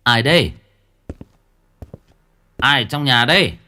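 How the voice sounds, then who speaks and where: An everyday middle-aged village man speaks plainly and asks questions, voiced by the storyteller himself. His pitch moves in a lively way. There is nothing theatrical about him. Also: normal speed. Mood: wary. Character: ordinary middle-aged village man, teasing then wary.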